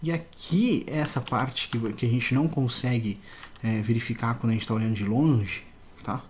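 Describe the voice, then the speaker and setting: A man's voice: medium pitch, moderate pace, slight background noise. A man teaching a casual drawing tutorial, explaining step by step and often checking in with the viewer.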